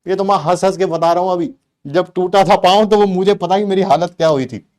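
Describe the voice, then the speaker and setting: A middle-aged male teacher with a fairly high voice, spinning a playful story for his students. He talks in an animated way and keeps throwing rhetorical questions at the class. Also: brisk. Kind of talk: comic storytelling in a live class.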